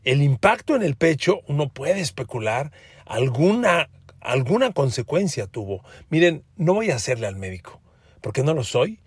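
A man's voice: on the high side, sing-song, normal speed, breathy edge, dry recording, studio quality. A man with a Mexican Spanish accent hosting a sports podcast, speaking emphatically, calling listeners friends and repeating words for stress. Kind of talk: sports commentary monologue.

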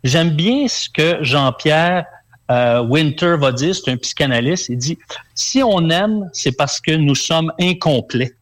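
Man coach, relaxed, a bit high voice. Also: slow pace. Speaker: relationship coach guest. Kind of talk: casual radio chat.

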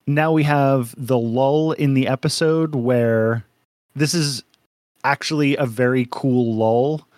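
A man's voice: medium pitch, a little mellow, no echo, studio quality. A man co-hosting a casual podcast, rambling and joking with frequent laughs. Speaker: podcast co-host.

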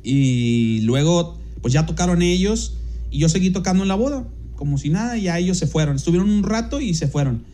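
A man's voice: high voice, animated, brisk, warm tone. A Mexican man, a podcast host and DJ, telling a casual anecdote in a rambling way, with many fillers and restarts, and jumping into livelier voices when he quotes people.

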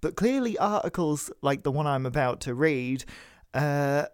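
A woman's voice: low-pitched, lively intonation, unhurried, a little mellow, smooth. Sweary, chatty woman podcaster. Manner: chatty, sweary, laughs easily, lots of fillers. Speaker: podcast co-host. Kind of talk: casual political chat podcast.

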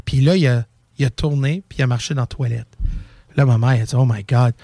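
A man with a Québécois French accent hosting a call-in show, telling a story in an animated, excitable way. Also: medium pitch, a little fast, gravelly, no room sound, studio quality. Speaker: radio show host. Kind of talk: casual storytelling and call-in chat.

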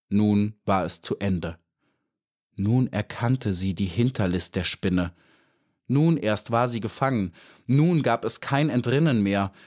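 A man narrating an audiobook of a children's story in a calm, measured storytelling manner. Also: medium pitch.

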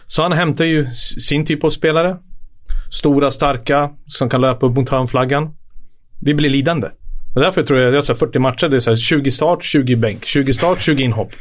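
Podcast guest, man in his forties, former footballer: lively raconteur who swears easily and laughs through the punchlines. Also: medium pitch. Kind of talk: casual anecdote telling.

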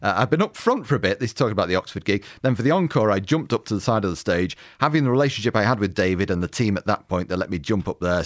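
A man's voice: lowish voice, no room sound, clean studio sound. A man co-hosting a podcast, reading long quotes with relish and agreeing with short replies. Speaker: podcast co-host. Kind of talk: casual chat, reading passages aloud.

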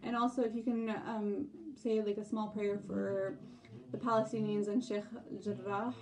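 A woman's voice: medium pitch, recorded from a distance, poor audio. Woman teaching on a podcast, a bit off-mic. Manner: gentle explaining, reads translations and prayers aloud. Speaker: podcast host. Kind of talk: religious lesson podcast.

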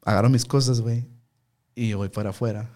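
A young man with a Mexican Spanish accent, swapping a story in loose, slang-filled talk. His voice is mellow and warm at a middle pitch, and he breaks into lively acted-out voices for the people in his tale. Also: brisk. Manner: slangy, animated, acts out quoted voices. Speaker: guest. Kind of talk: casual storytelling chat.

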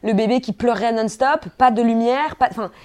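A woman's voice: a little high, fairly quick, darkish tone. A young woman co-hosting a podcast, talking over a film in a casual, slangy way and often restarting her sentences as she thinks aloud. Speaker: podcast co-host.

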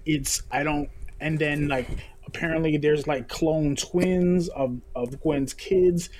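Man, fairly high voice, laid-back, casual podcast chat. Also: steady tone, slow, darkish tone, a little hiss or hum. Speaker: podcast co-host. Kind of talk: casual comic book chat.

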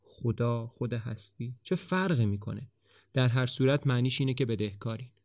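Calm, mysterious doctor in a storybook reading, voiced by a man; gentle and thoughtful. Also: mid-range voice, dry recording, studio quality, close to an everyday voice. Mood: calm, reflective. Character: calm, mysterious doctor who sees off the dying. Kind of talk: audiobook dialogue reading.

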